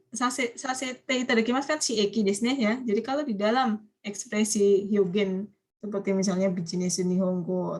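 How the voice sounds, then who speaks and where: Woman teaching japanese online, starts phrases and lets students finish them. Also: medium pitch. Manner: coaxing students to complete phrases. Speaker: Japanese language lecturer. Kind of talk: online university class.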